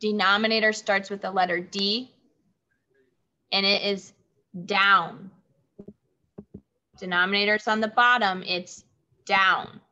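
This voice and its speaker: A woman teaching third graders in an online lesson, speaking slowly and clearly and repeating key words for the children. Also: mid-range voice, steady tone, pushed and bright. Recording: dull lo-fi audio.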